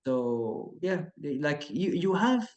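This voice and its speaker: A relaxed man in his thirties, an action choreographer and actor, rambles through a casual interview chat, his fairly high voice moving at a slow pace. He fills his talk with lots of "uh" and "like," often restarting his sentences.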